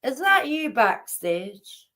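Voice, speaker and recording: Slow-talking woman. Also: high-pitched, sing-song, sharp tone. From Newcastle, England. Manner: rambling, chatty, answers viewers' comments aloud. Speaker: livestreamer chatting with viewers. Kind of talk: casual chat.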